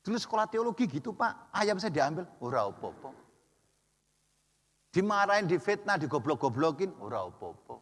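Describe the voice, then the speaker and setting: Middle-aged Javanese-accented pastor, bright forceful voice, lively jokey sermon that swings from loud to hushed, long church-hall echo. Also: male voice, a little high, normal speed. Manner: animated and joking, swinging between loud calls and quiet asides.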